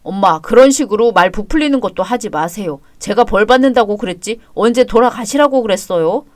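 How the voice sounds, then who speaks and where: A woman voicing an older, self-pitying mother-in-law who loudly wails and protests in a radio drama. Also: medium pitch, animated, brisk, dry recording, lightly acted. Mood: wailing. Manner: wailing, loud, exclamatory complaints. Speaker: voice actor. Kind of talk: Korean web radio drama acting.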